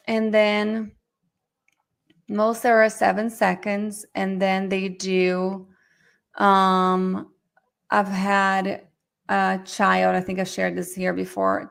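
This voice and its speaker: Fast-talking woman teaching a webinar. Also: mid-range voice, vocal fry. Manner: fast, chatty, addresses audience directly. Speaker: myofunctional therapy instructor. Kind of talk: live online webinar lecture.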